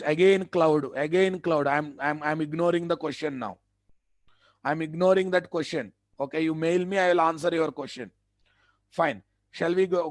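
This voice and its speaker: A man's voice: a little high, gravelly, no room sound. A man with a Telugu accent in Indian English, lecturing students as an instructor, emphatic and repetitive, often checking with rhetorical questions. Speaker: web development instructor. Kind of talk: live online lecture to students.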